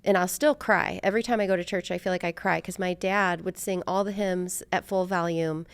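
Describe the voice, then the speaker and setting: Speaking briskly, this podcast host has a fairly low, clear, resonant voice with fairly even intonation. She's a middle-aged American woman whose casual interview style is chatty, informal and thoughtful.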